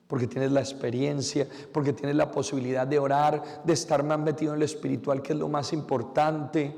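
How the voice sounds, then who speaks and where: Priest, lively homily; gravelly, slightly high voice, church reverb. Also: male voice. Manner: lively preaching with acted-out quotes.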